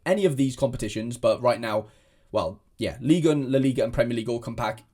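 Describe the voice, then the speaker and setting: Talking fast in a mid-range voice with a darkish tone, this young man, a fantasy football content creator whose first language is Welsh, chats casually to camera. He rambles, with many restarts and fillers.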